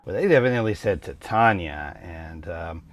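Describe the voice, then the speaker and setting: A man hosting a tabletop game channel, talking through a topic in a relaxed, thoughtful way with frequent ums and uhs. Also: low-pitched, moderate pace, dry recording. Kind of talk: casual explainer talk.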